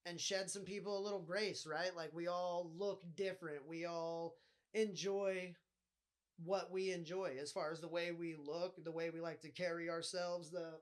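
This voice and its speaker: Man, nasal voice, high-ish pitch, rambling, swears a lot, solo podcast talk. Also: fairly even intonation, moderate pace, clear, resonant tone. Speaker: podcast host. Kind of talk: casual solo podcast monologue.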